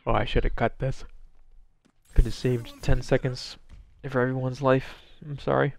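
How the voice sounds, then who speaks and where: A man's voice: medium pitch, flat delivery, moderate pace, gravelly. A man giving wry, sarcastic running commentary on his own gameplay, swearing freely.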